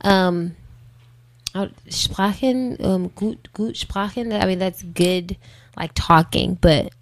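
An American woman, a singer and rapper, speaks casually as an interview guest, informal and reflective, thinking aloud as she answers. Her voice is medium-pitched and slow.

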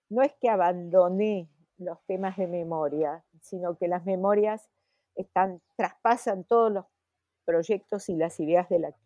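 An older woman with an Argentine accent, an academic guest answering in a podcast interview, thoughtful and full of pauses and restarts. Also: medium pitch, dark tone, no room sound, highs cut off. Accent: Argentine Spanish. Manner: slow, thoughtful, many hesitations and restarts.

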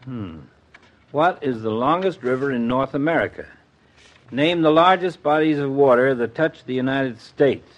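An actor playing a grumbling middle-aged doctor in a vintage radio comedy, pompous and given to dry insults. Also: male voice, medium pitch, lively intonation, normal speed, natural voice. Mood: condescending. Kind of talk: 1950s radio comedy acting.

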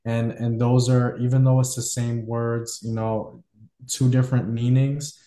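A man's voice: mid-range voice, flat delivery, unhurried, dark tone, echoey room. A man hosting a podcast, musing at length in casual conversation with many fillers. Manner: reflective, loosely structured, many fillers. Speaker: podcast host.

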